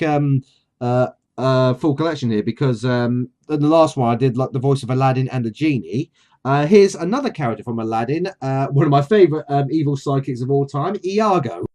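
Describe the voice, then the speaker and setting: A man chatting and reading aloud as host, his pitch moving up and down a lot. He talks loosely, pausing on fillers like "uh" and "um" between thoughts. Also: a little mellow. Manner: chatty, with many fillers and laughs. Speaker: author and channel host. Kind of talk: casual chat and book reading.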